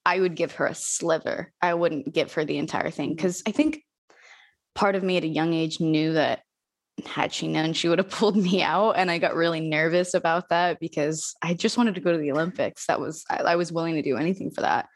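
Candid young woman, lower voice. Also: steady tone, fairly quick. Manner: open, reflective, with soft laughs. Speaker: guest. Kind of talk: candid personal interview.

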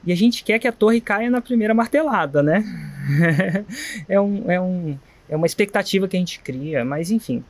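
A man's voice: high voice, expressive, moderate pace. A man with a Brazilian Portuguese accent hosting a live stream, talking casually and sincerely, wandering between stories. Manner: chatty, digressive, sincere. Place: guesthouse, quiet spot.

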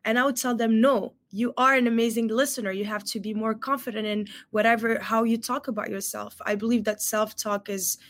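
A young woman from Morocco, guest on a podcast interview, talking earnestly as an empowerment coach with frequent pauses. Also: on the high side, fairly even intonation, a bit bright. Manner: earnest, fluent, frequent "uh" fillers.

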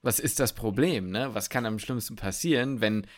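A man's voice: medium pitch, normal speed. A young man, a medical student co-hosting a casual podcast, talking loosely with lots of fillers. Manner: loose, rambling with many fillers. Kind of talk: casual chat.

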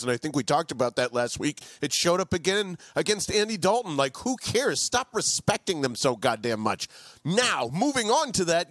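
A man rants about the game in emphatic, profane bursts, with a voice a touch high for a man. He sounds close and dry, with no room around him. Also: a bit bright, no echo. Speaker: sports podcast co-host. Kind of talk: casual sports talk.

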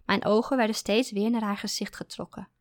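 A woman narrating a first-person literary story in a calm, measured way. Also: mid-range voice, no room sound, clean studio sound.

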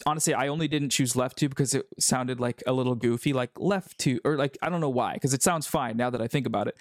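A man's voice: medium pitch, no room sound, studio quality. A man talking casually as a video commentator, rambling with many fillers and restarts. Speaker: YouTube commentator. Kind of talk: casual conversation.

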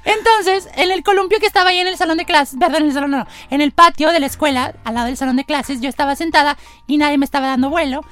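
A woman's voice: fast talker, few pauses, a bit bright. A woman playing a big, clumsy, cheerful seven-year-old girl who chatters and giggles as she tells stories. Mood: storytelling. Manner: high childish chatter, giggly storytelling. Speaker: podcast guest. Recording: music playing under the voices.

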